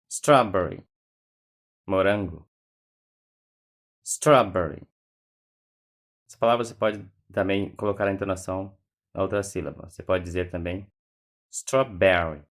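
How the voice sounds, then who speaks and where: A man teaching English vocabulary, saying each word slowly and deliberately for students to repeat. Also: sits low, little pitch movement. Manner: slow, deliberate word-by-word pronunciation. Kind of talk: vocabulary drill lesson.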